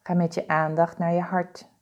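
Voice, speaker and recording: A woman leading a guided body-scan meditation, giving calm, soothing, deliberate instructions with pauses. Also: fairly low pitch, lo-fi sound.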